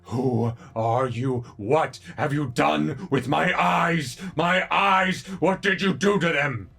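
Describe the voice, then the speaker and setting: A man voicing a vast monstrous horror, anguished and accusing, with a deep rumbling, slow, loud delivery in a tabletop game. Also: creaky, faint music behind, heavily acted.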